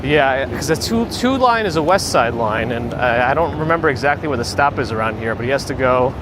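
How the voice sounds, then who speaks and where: A man's voice: mid-range voice, expressive, a little fast. A man live streaming on a walk outdoors, chatting casually with viewers in an unpolished, conversational way. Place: outdoors, walking on city streets and a bridge. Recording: loud outdoor city traffic noise. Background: traffic, vehicles, urban ambience.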